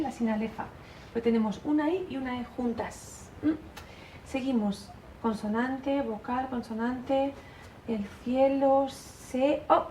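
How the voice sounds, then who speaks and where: A woman teacher gives a patient, encouraging lesson to her pupils, checking in with "¿vale?" and chanting verses slowly to count their syllables. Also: on the high side, warm tone, slight background noise. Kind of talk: recorded literature lesson for pupils.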